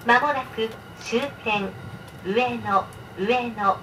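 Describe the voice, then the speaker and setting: A woman reading a scripted train announcement in a formal, measured way, as an onboard announcer. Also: fairly even intonation. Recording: distant train speaker over loud rumble. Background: train running noise.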